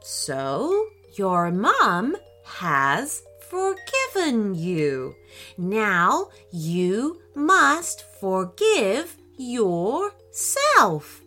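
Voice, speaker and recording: Woman playing a gentle male sloth superhero, storybook voice, very slow and drawn out, higher and bright, soothing, kind. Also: big pitch swings, soft background music, exaggerated voice.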